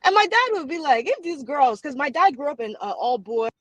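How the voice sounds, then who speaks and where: A woman's voice: high-pitched, sing-song, a little fast, no room sound. Woman on a call, voice cutting out. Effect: voice cutting in and out on a bad connection. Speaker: caller on a livestream. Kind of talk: casual chat. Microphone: remote call.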